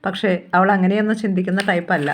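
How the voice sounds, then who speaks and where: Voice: mid-range voice, fairly even intonation, fast, natural voice. Narrator doing a shy, heartbroken young man. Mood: sheepish. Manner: hesitant, sheepish replies.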